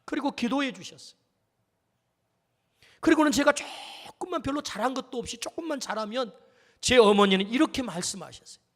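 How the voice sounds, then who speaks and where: A man's voice: very high-pitched, expressive, fairly quick, long pauses, long reverb tail. A male pastor giving an earnest storytelling sermon, acting out the quotes in it. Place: church sanctuary.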